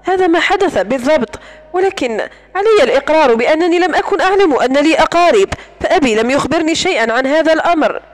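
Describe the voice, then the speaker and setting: Casting: a woman reading a shaken, hesitant young woman with a high voice, storybook style. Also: lively intonation, fast talker. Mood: troubled. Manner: soft, hesitant.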